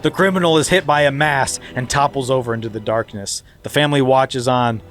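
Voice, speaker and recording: A podcast host reads a screenplay aloud in a mock-dramatic, comedic way, now and then breaking into laughter. His medium-pitched voice is brisk and a bit bright, with soft music playing behind him.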